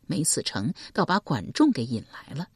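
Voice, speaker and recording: A woman narrating a historical novel audiobook in an expressive, dramatic storytelling manner on a close mic. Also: extremely low pitch, moderate pace, breathy edge, no echo.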